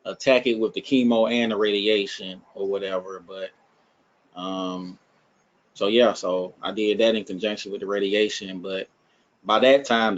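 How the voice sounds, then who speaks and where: Low-voiced man with an Alabama accent. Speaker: support group host. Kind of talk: casual talk in an online support meeting. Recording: muffled video-call audio.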